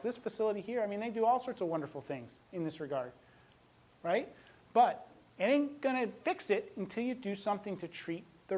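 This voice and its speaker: A man's voice: high-pitched, rough recording. Vet guy giving a talk, gets worked up telling stories, laughs a lot. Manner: animated, emotional storytelling, laughs often. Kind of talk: talk with audience.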